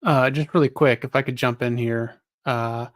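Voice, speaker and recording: A man's voice: medium pitch, steady tone, moderate pace. A man talking casually in a debate on an online voice call. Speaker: participant on a live call-in show.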